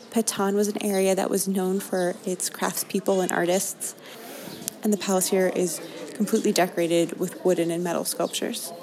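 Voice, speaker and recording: With a fairly low, darkish voice, a Maine-born American woman narrates her travel show vlog-style, sounding upbeat and enthusiastic over background music.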